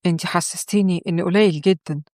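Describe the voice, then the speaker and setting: A woman's voice: lowish voice, fairly even intonation, fast talker, darkish tone, no echo, clean studio sound, natural voice. A woman voicing a coaxing, self-pitying young husband with a mocking edge, in an Egyptian accent. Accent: Egyptian Arabic.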